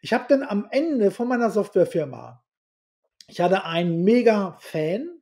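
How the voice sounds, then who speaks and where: A middle-aged man with a dark, mellow voice, speaking as a podcast guest. He tells his stories bluntly, swears offhandedly, and acts out the dialogue of the people he quotes. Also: sits high, unhurried. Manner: animated storyteller who acts out quoted dialogue; blunt and salty, swears casually. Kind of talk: casual storytelling interview.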